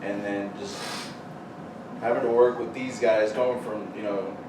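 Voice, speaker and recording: Low-voiced Texan bassist, halting. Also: male voice, steady tone. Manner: halting, full of "you know" fillers. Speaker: band bassist, guest. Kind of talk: casual chat. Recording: echoey room, distant mic, noisy.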